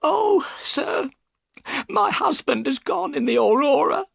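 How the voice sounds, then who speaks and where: A man voicing an upset, tearful working woman in high falsetto for a storybook reading. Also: big pitch swings, slow pace, gravelly, fairly bright tone, no echo, studio quality, full character voice. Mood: sobbing. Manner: high, strained falsetto, sobbing at times.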